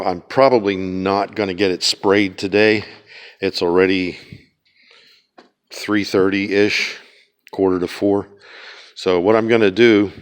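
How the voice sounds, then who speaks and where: Man, Pennsylvania accent, very low voice, monotone, halting casual narration, handheld camera in a garage. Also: clear, resonant tone. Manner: rambling, halting, many ums and uhs. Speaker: DIY car restoration vlogger. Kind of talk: casual walk-around narration.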